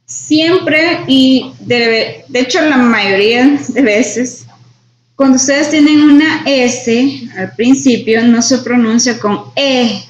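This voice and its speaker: Patient high-voiced woman teaching slowly. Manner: patient, repeats and checks with "right?". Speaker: English teacher. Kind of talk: online class explanation. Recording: roomy, dull sound with faint noise.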